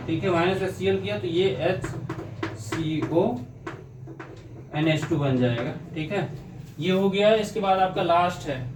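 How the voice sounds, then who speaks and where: A high-voiced male chemistry teacher gives an organic chemistry lecture in an echoey room, recorded from a distant mic over a noisy background. He talks through reactions step by step, asking himself questions along the way.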